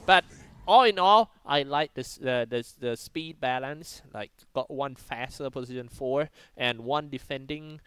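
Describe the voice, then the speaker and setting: A man with a Thai accent giving esports analysis in a halting way, with many restarts and fillers and sudden bursts of excitement. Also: mid-range voice, clean tone, dry recording.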